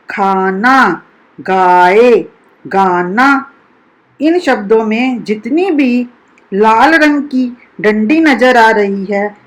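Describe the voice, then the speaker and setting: Woman school teacher for a children's lesson: slightly high voice, unhurried, carefully sounds out every syllable. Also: poor audio. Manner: slow, deliberate, sounds out each syllable for children. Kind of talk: recorded primary-school Hindi lesson.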